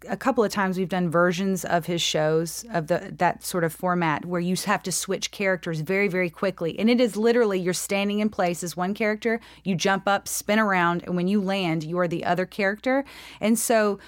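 A woman's voice: mid-range voice, normal speed, no echo, clean studio sound. A woman, an actress chatting as a podcast guest and laughing often. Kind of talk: casual interview talk.

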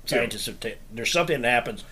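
A man's voice: medium pitch, animated, quick pace, sharp tone, husky. A man hosting a podcast in casual chat, telling stories, laughing often and swearing freely. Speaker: podcast host.

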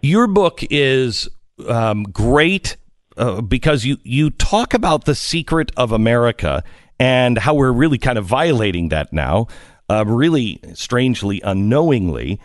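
A man hosting a radio talk show, interviewing a guest in a halting way, with many fillers and repeated words. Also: medium pitch, big pitch swings, no room sound, clean studio sound. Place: radio studio. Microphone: studio mic.

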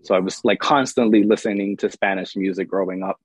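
Young male singer-songwriter, low voice, dry close sound, candid interview guest. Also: fairly even intonation, fairly quick, breathy edge, no room sound, poor audio. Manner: earnest, open, with many ums and you-knows. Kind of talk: reflective interview answers.

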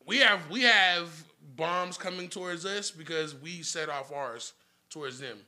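Bright-voiced rambling male podcast guest. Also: a little high, measured pace. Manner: rambling storyteller, profane, laughs often. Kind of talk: casual podcast chat.

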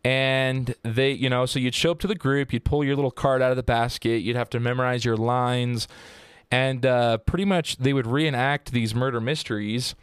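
A man's voice: medium pitch, steady tone, moderate pace, clear, resonant tone, no echo, studio quality. A man hosting a casual true-crime podcast, telling the story in a joking, profane and rambling way. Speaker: podcast host.

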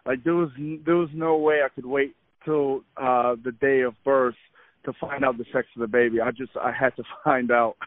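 A man's voice: mid-range voice, moderate pace. Male guest, 30s, from Egypt, eager rambling chat, thin phone-line sound. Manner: eager, animated storytelling with many fillers. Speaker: podcast guest, fitness trainer. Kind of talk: casual interview chat. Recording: tinny phone-line audio, dry.

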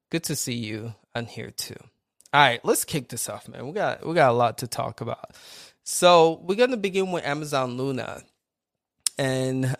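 A man's voice: mid-range voice, creaky, fairly bright tone, no room sound, clean studio sound. A man with a Nigerian accent hosting a casual live-stream chat, upbeat and greeting viewers by name. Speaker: podcast host.

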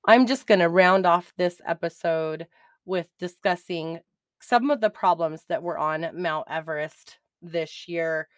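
Smooth-voiced chatty woman podcaster. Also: lowish voice, measured pace, no echo, clean studio sound. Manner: chatty and excitable, laughing easily. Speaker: podcast host. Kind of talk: casual podcast recap.

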